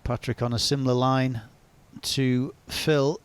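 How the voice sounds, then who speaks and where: A man's voice: mid-range voice, flat delivery, a little slow, smooth. A man working as a golf commentator, giving live reactions to the shots as they are played.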